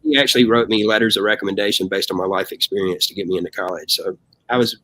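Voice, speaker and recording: A man's voice: lowish voice, fast talker, no room sound, low-quality recording. A man telling stories in a casual interview, acting out quoted voices and often saying "man". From United States. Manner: animated storyteller, acts out quotes, says "man" often. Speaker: band member guest.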